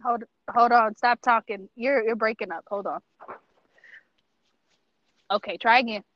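A woman with a fairly high voice co-hosts a podcast, heard over a video call. She talks bluntly and jokes in slang. The call audio is dull and lo-fi but dry and close. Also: measured pace, no echo. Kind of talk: casual chat.

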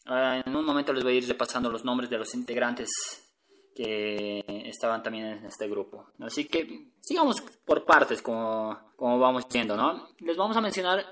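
A man's voice: medium pitch, normal speed, a bit bright, distant mic, rough recording. A man hosting a casual music talk for viewers, chatty and hesitant, often checking in with his listeners. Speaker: music channel host.

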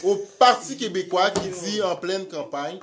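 A man's voice: high-pitched, a little slow, a crowd in the background. A man with a Quebec French accent telling political stories in a casual chat, laughing and mimicking politicians. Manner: animated storyteller, mimics politicians, laughs often.

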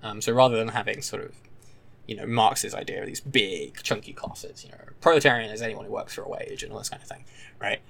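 A man with a modern British RP accent from the south of England in casual political discussion. His voice sits at an average pitch. He is opinionated, often restarting and repeating phrases as he builds a point. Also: creaky, a bit bright. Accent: modern British Received Pronunciation, southern English. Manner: opinionated, halting and repetitive, with frequent tag questions.

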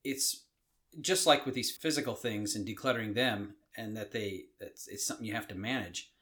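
A man's voice: on the low side, bright, forceful tone. Middle-aged man musing on a podcast. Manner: thoughtful, halting with frequent restarts. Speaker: podcast co-host. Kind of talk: casual marriage podcast chat.

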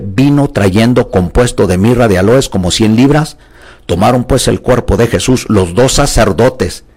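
A man's voice: fairly low pitch, a little mellow, breathy edge. A man preaching a sermon, reading Bible verses aloud and asking the listeners pointed questions with emphasis.

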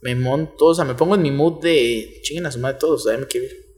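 A man's voice: mid-range voice, brisk, a little mellow. A young man with a Mexican accent co-hosting a casual chat, full of slang and swearing, often laughing. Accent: Mexican Spanish. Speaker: podcast co-host.

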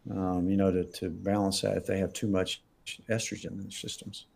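Low, gravelly, slightly husky man, a doctor fielding live questions, casual and emphatic. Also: flat delivery, a little fast, a little mellow. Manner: conversational, emphatic, laughs often. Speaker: doctor answering viewer questions.

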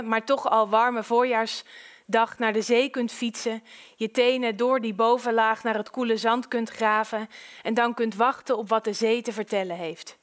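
Woman with a fairly high voice, calm, measured audiobook narrator.

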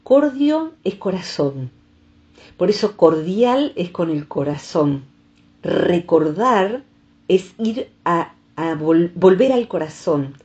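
Woman psychologist, low and mellow, calling in over a muffled line. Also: very animated, slow pace. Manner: reflective, uses images and examples. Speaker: psychologist guest. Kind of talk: calm explanatory radio talk.

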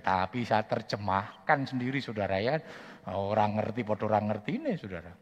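Husky, animated preacher with a tinge. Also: male voice, lowish voice, normal speed, long reverb tail, highs cut off. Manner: animated storytelling, repeatedly addresses listeners. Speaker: pastor. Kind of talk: sermon.

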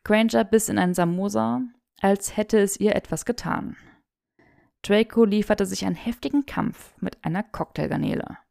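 A woman narrates a fan fiction audiobook in a steady storytelling voice. Her tone has a gravelly fry, and the recording is close and dry, with no room sound. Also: medium pitch, normal speed, no room sound. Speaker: audiobook reader.

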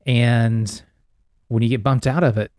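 Man, podcast host, casual solo talk, medium pitch, slightly wheezy congested breathing, dry sound. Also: steady tone, unhurried, darkish tone, no room sound.

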